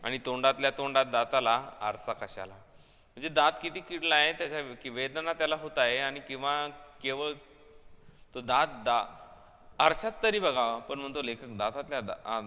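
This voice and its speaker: A man's voice: mid-range voice, normal speed, sharp tone, in a large hall. A man teaching a prose lesson, explaining each line emphatically and repeating himself as he paraphrases.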